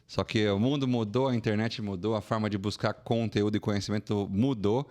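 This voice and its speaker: A financial consulting entrepreneur from São Paulo, Brazil, in his forties, guests on a podcast and tells his career story as casual interview storytelling. He speaks Brazilian Portuguese with a São Paulo accent, fairly quickly, in an animated, colloquial manner, his pitch rising when he gets indignant.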